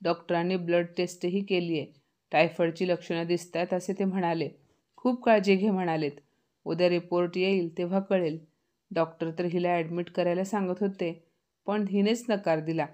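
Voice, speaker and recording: A woman's voice: on the low side, fairly even intonation, moderate pace, mellow, natural voice. A woman voicing an angry husband who scolds and gives orders in a raised voice. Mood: worried. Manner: harsh, scolding. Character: angry shouting husband, middle-aged man.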